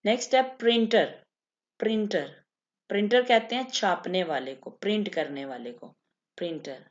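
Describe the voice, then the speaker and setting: Woman teaching English words slowly. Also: medium pitch, muffled recording. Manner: repeats each word, then explains it slowly. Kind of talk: vocabulary lesson.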